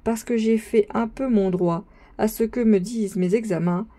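A woman's voice: mid-range voice, normal speed, mellow, close to an everyday voice. A woman voicing a pompous young male student who lectures his friends in a grand, sermonizing manner, read as an audiobook. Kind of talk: audiobook reading.

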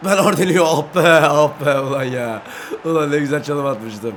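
A young man doing brash, excitable let's-play commentary, talking to himself and his in-game teammates while playing. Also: a little high, normal speed, slight background noise. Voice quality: brash, excitable, swings between shouting and muttering. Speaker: gaming YouTuber.

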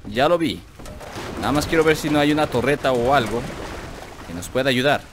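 A man's voice: medium pitch, a little fast, background noise. A man with a Mexican accent who chats and jokes to himself and his viewers while playing a video game. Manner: jokey, chatty, talks to himself and the viewers. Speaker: gaming video host. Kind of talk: let's play commentary.

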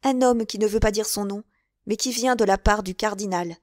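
A woman reader voicing a calm, formal convent mother superior in an audiobook. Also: mid-range voice, moderate pace, no echo, clean studio sound, natural voice.

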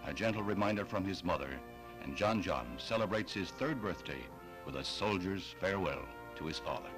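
A man narrating an old 1960s newsreel in a solemn, measured, declamatory manner. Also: low voice, expressive, rough recording. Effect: old 1960s newsreel sound. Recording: old newsreel track with music. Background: music.

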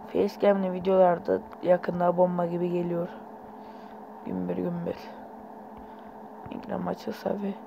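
A man's voice: high voice, vocal fry, highs cut off, background noise. A young man giving casual, rambling gameplay commentary while sleepy, with sudden startled outbursts. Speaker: gaming YouTuber.

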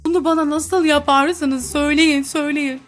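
A woman's voice: high-pitched, fairly even intonation, moderate pace, faint music behind. A young woman chatting and teasing through a role-play game, laughing often as she comments. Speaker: gaming YouTuber.

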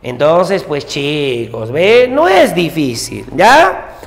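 A male teacher giving an exam-prep lesson, repeating each rule over and over and checking in with quick tag questions. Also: fairly high pitch, very animated. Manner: repetitive drilling with constant tag questions. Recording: long reverb room echo.

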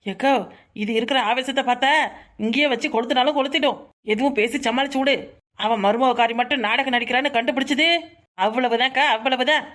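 A woman's voice: sits high, fairly even intonation, fast talker, a bit bright. A woman voicing a gossipy, cutting young village wife in a cartoon. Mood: conspiring. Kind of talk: cartoon voice acting.

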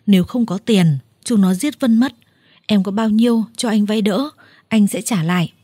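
A woman's voice: mid-range voice, normal speed, mellow, slightly rough, no echo, close to an everyday voice. A woman voicing a broken seventy-year-old man who pleads in a weak, trembling voice. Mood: pleading.

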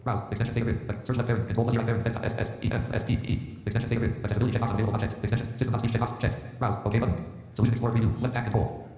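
A man's voice: medium pitch, level tone, very fast, pauses often. A robotic, synthetic male screen reader voice that rattles off interface labels and spelled-out letters. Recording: dull, roomy hall reverb from speakers.

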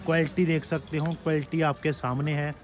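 A man hosting a farming channel at an outdoor cattle market, asking about cows and addressing farmers in a plain, steady way. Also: a little high, fairly quick, slight background noise. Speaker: channel host. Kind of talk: presenting cattle rates to farmers.

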